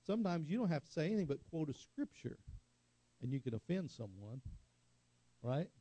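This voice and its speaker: A man's voice: on the high side, sing-song, a little fast, mellow. A middle-aged man preaching a sermon in a conversational way, telling stories and asking the congregation for an amen. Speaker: pastor.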